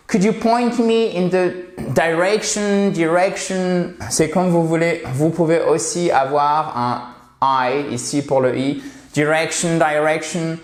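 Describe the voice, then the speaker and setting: A man gives a casual English lesson in French. He keeps repeating words and stretching them out to model pronunciation. His mid-pitched voice carries a noticeable room echo. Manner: switches between French explanation and slow, drawn-out English model phrases. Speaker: English teacher. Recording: roomy echo.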